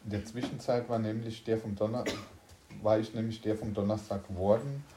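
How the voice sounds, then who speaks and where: Low-voiced man reading aloud in an echoey room. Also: steady tone, fairly quick, background noise. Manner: unpolished reading with slips and restarts. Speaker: story reader. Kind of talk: reading a science fiction story aloud.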